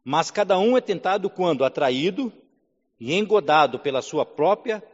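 A man's voice: sits high, animated, normal speed. A male pastor preaching a sermon, building to emphatic declarations and calling for amens. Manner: preaching with rising emphasis, calls of amen. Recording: dull sound with long hall reverb.

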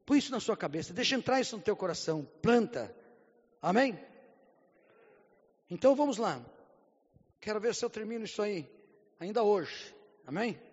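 A Brazilian man, a pastor, gives a sermon with a personal testimony. He tells it vividly and builds to fervent, near-shouted preaching, often repeating a stock phrase to the congregation. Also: high voice, animated, moderate pace, long pauses, slightly rough, long reverb tail, lo-fi sound.

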